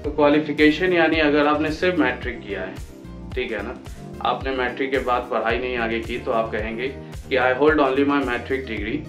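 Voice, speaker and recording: A young man in his twenties from Patna teaches spoken English, breaking off to say each example sentence slowly and carefully. His voice sits at an ordinary middle pitch and rings around a reverberant room, with soft music playing underneath. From Patna, India. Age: 20s. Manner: slows right down to spell out English example sentences. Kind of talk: Hindi-language lesson on English phrases. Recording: echoey room with faint music.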